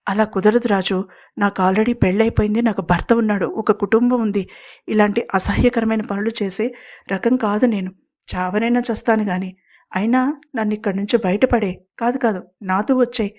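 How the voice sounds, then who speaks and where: A woman's voice: mid-range voice, steady tone, normal speed, a little mellow, close to an everyday voice. A young married woman held captive speaks with angry indignation, voiced by the female narrator. She is defiant and firm in an audio storybook.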